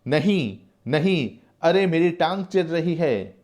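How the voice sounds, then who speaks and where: A man voicing a defiant young prisoner who is tortured and cries out in high, strained pain. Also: normal speed, darkish tone, lightly acted. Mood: agonized. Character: prisoned young male freedom fighter, defiant then tortured.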